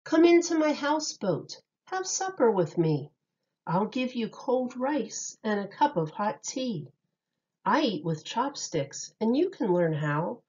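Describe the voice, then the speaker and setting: A teacher reads a rhyming picture book aloud at an unhurried pace, her pitch swinging in a lively sing-song. She sets out each phrase clearly for young listeners, and the recording sounds slightly dull and lo-fi.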